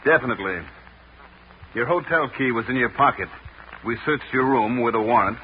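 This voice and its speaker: A man plays a tough police sergeant in a vintage radio crime drama. He is blunt, accusing and commanding, at a middling pitch, on a dull recording with faint noise. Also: moderate pace, close to an everyday voice. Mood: stern, interrogating. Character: hard, blunt male homicide police sergeant. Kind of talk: old-time radio crime drama acting.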